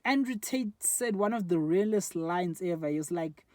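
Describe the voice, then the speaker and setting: A South African vlogger in his twenties talks into his phone's front camera in a candid, meandering, reflective monologue with many fillers. His high-pitched voice is expressive and darkish in tone, at normal speed, with no room sound.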